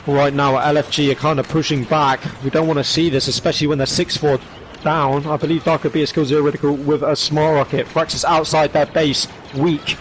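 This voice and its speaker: An esports commentator gives play-by-play commentary on a competitive shooter match in a hoarse voice worn from shouting, pitched a little higher than most men's. His rapid, excited calls rise into quick, eager bursts as the action heats up, over a faint hum on a rough recording.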